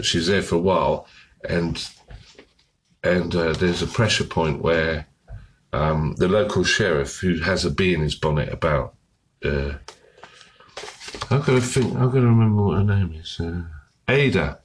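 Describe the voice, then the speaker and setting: A hoarse man with a cold, chatting casually and summarizing a book, often losing his thread. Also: sits low, lively intonation, a little slow, long pauses, a little hiss or hum. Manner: rambling, loses his thread and restarts. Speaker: book vlogger.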